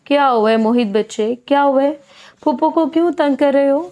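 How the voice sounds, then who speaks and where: A woman voicing a worried, gentle mother who asks questions softly. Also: high voice, close to an everyday voice. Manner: gentle, concerned reading.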